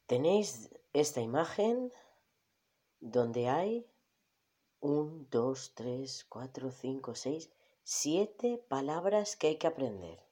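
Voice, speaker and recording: Slow, patient teacher woman. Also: a bass voice, sing-song, mellow. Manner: patient, repeats each word slowly. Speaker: English teacher. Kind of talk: slow children's language lesson.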